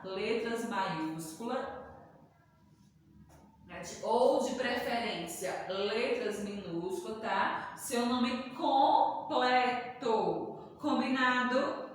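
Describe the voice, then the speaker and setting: Lady teacher sounding out syllables real slow, kinda high voice, far off in a big echoey room. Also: a little hiss or hum. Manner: slow, patient, spells out syllables letter by letter; calls herself "tia", coaxing and praising. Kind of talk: recorded early literacy lesson for young children. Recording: echoey room, distant from the mic, long reverb.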